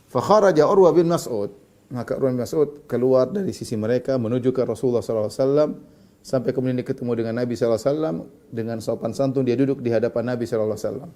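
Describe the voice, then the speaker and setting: Mellow-voiced male preacher teaching. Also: medium pitch, rapid-fire. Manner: recites Arabic then explains in casual Indonesian; animated storytelling. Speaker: Islamic preacher. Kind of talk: religious lecture.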